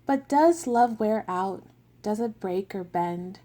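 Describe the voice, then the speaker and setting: A small, grumpy young child from a picture book, asking worried questions, as a woman reads the part aloud. The lines come slowly and softly, in a gentle bedtime storybook manner. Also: medium pitch, lively intonation. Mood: wondering.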